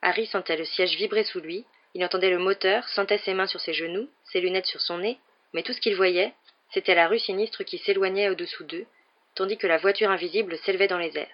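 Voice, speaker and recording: An audiobook reader narrating a novel in an even, measured way. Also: medium pitch, lo-fi sound.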